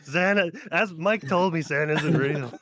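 A man telling a story in casual podcast chat, full of "like" and animated retellings. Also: a little high, normal speed. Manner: filler-heavy, animated retelling.

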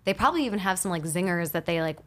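Talking quickly and loosely, this businesswoman fills her speech with "like" while her pitch bounces around animatedly. She's a guest in a casual interview chat, recorded in a studio on a studio mic.

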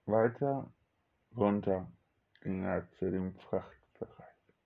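A man narrating a homemade audio drama in a slow, plain storytelling manner. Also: deep voice, gravelly. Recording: dull lo-fi recording, faint music.

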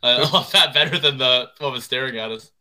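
Bright-voiced man hosting a podcast. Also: medium pitch, fairly quick. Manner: chatty, laughs easily. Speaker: podcast host. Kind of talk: casual fantasy football chat.

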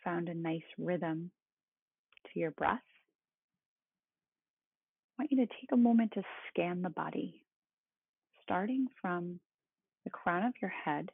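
A meditation guide speaking in a calm, meditative tone with a husky, creaky voice. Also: medium pitch, slow pace, long pauses. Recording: roomy, phone-like thin sound.

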